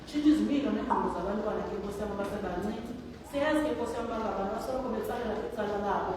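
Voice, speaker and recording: Very rapid Xhosa woman praying, echoey hall. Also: medium pitch, crowd noise. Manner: repetitive invocations in short phrases. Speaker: person leading congregational prayer. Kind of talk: fervent extempore church prayer. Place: church hall. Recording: distant, very echoey noisy hall.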